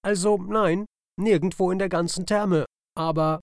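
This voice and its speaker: A man's voice: high voice, steady tone, unhurried, vocal fry, no echo, studio quality, voice pushed up. A man voicing a cheeky, grinning kingfisher bird in a children's audio story, teasing and giggly.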